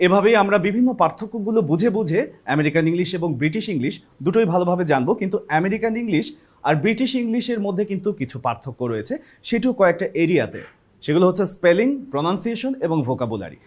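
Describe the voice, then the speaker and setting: A man hosts a classroom lesson in a high-pitched, animated voice, racing along as he blends Bengali and English. He's upbeat and talks straight to the students.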